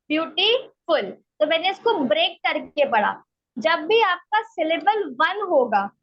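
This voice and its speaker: A woman teaching an online English grammar class, explaining slowly and step by step and often checking that students follow. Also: extremely high pitch. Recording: dull lo-fi online class audio.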